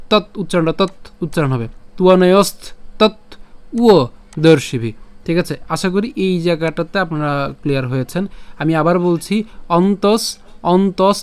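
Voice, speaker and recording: A man teaching the pronunciation of scripture verses, breaking words into syllables, repeating them slowly and sometimes chanting them in a melody. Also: high voice, smooth. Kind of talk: pronunciation lesson.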